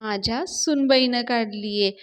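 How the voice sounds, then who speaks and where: A woman's voice: fairly high pitch, normal speed, a bit bright, close to an everyday voice. A woman voicing a boastful, teasing older village father-in-law in a sing-song manner.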